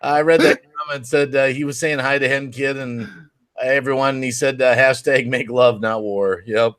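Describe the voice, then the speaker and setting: A man's voice: medium pitch, little pitch movement, moderate pace, fairly bright tone, clean tone. A man co-hosting a live stream in casual, joking chat.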